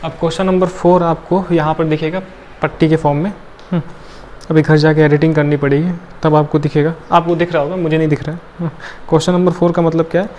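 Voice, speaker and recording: Man, tired chemistry teacher, lecture style, slightly high voice, faint hiss. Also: flat delivery, fast talker, a little mellow. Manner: counts atoms aloud, frequent checking tags. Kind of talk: classroom lecture.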